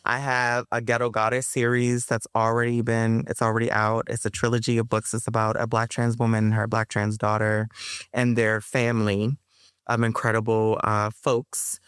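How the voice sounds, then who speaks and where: Her voice rumbles low and stays monotone at a moderate pace, with a clean tone and clean studio sound free of room noise. This woman, an author and performer, rambles through casual interview answers, full of ums, restarts and a playful streak.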